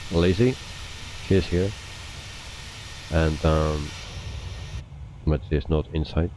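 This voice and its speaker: A man hosting a flight simulator live stream, chatting casually with viewers and often pausing with hesitations. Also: sits low, slight background noise, poor audio. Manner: relaxed, chatty, frequent hesitations. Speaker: flight sim livestreamer.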